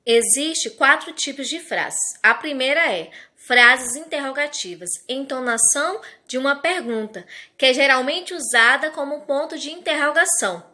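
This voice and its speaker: A woman from Brazil teaching a grammar lesson, explaining slowly and carefully to her students. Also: high-pitched, animated, pushed and bright.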